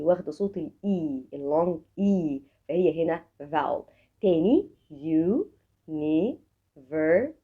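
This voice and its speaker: A woman with an Egyptian Arabic accent teaching English vocabulary online, speaking to the viewer directly and drilling each word slowly, syllable by syllable. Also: mid-range voice, mellow, dull audio.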